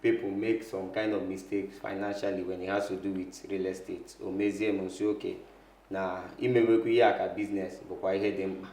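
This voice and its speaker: A Nigerian man with an Igbo accent speaks in a fairly low voice, explaining conversationally as an interview guest. He moves back and forth between Igbo and English. The room adds a noticeable echo. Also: level tone, brisk, mellow. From south-eastern Nigeria. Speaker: interview guest, real estate lawyer. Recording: echoey room.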